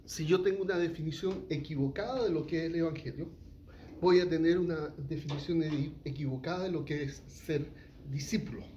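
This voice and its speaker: A man's voice: fairly high pitch, a little fast, dark tone, lo-fi sound, slight background noise. A middle-aged man, teaching a sermon and asking the congregation questions. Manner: asks the congregation questions, frequent "¿ya?". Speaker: pastor.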